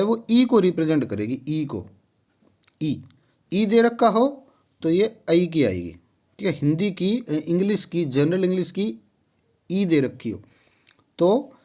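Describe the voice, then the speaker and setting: A male teacher talks his students through a lesson in an unhurried, deliberate way. His voice sits a little high for a man. He says each example word again and again before moving on. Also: darkish tone. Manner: repeats each word several times, slow and deliberate; addresses students directly. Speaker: English phonetics teacher. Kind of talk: classroom-style lesson.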